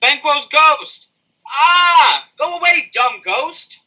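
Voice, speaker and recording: A man's voice: high-pitched, animated, measured pace, pushed and bright, exaggerated voice, poor audio. A man playing an overwrought, commanding Macbeth in an amateur comic stage Shakespeare, declaiming in an overacted way. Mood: panicked. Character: overwrought, guilt-ridden, commanding Macbeth in school play.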